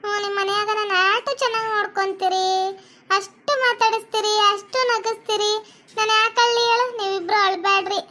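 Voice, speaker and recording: Squeaky little cartoon kitty, sweet and clingy, super high. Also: female voice, fairly even intonation, fairly quick, pushed and bright. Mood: soothing. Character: chatty pet cat queen, childlike and affectionate. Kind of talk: cartoon voice acting.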